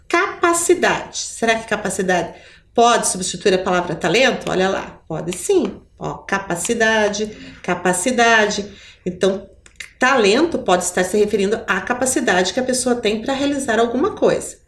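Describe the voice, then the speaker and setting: A Brazilian woman teaches a primary school lesson in a lively, sing-song voice that sits a little high. She stretches the key words for the children. The room around her sounds roomy and echoing. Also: normal speed. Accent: Brazilian Portuguese. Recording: roomy echo.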